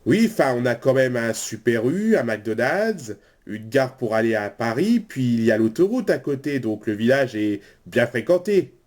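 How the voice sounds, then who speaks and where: A man's voice: mid-range voice, sing-song, moderate pace, hardly any pauses, darkish tone, voice pushed down, lightly acted. A man voicing a plain, matter-of-fact male transit-worker contestant in a parody game show.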